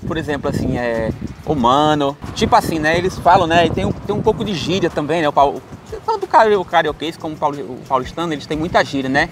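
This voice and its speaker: A man's voice: a little high, lively intonation, fast talker, hardly any pauses. A man from Ceará with a Northeastern Brazilian accent, answering questions in a casual street interview, chatty and hesitant with many fillers. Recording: loud outdoor noise with boat engines.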